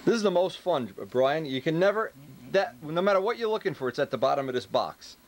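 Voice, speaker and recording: A man's voice: a little high, animated, brisk. A man giving casual hands-on workshop commentary, joking and teasing his helpers as he instructs them. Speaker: host, model plane builder directing helpers.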